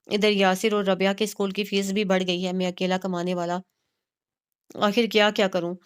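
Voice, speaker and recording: A woman's voice: mid-range voice, flat delivery, clean tone, natural voice. A woman voicing an overburdened older brother who complains wearily. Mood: weary. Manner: weary and complaining.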